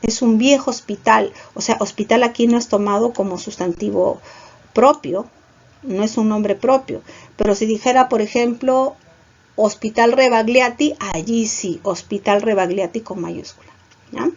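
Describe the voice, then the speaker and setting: Woman teacher, high voice, explains step by step, dull lo-fi recording. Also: normal speed, darkish tone. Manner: explains step by step, often checks with "¿ya?". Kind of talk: online class lecture.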